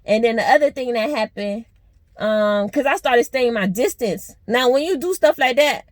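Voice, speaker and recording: A young woman vlogger telling a story in a blunt, animated, profane way. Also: a little high, dry recording. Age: young adult. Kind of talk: casual storytime vlog.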